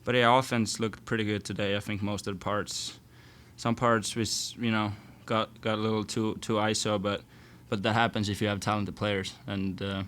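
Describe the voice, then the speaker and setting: A young college basketball player answering postgame questions casually, sometimes searching for words and restarting. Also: male voice, lowish voice, flat delivery, normal speed, few pauses, a bit bright, clear, resonant tone. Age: young adult. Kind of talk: postgame press conference answers.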